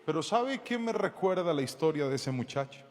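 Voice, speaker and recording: A man preaching a sermon to a congregation, telling a story with lively reenacted dialogue and jokes with the audience. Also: on the high side, fairly quick. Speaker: pastor. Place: church hall before a congregation. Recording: long hall reverb.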